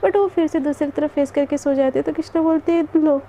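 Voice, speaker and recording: A woman's voice: high voice, a little fast, warm tone, slight background noise. A young woman telling a love story in a casual, rambling way, with many fillers. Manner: chatty, rambling, filler-laden narration.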